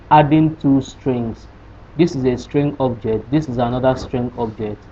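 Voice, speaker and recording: In this screen-recorded coding lesson, a man with a mellow, medium-pitched voice explains code one step at a time, tossing out rhetorical questions along the way. The sound is dull and lo-fi, with a slight hiss.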